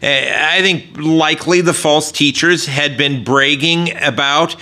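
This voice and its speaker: A man preaching a sermon in an earnest tone, with frequent "uh" fillers and points he drops low and soft for emphasis. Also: steady tone, a little slow. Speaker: pastor.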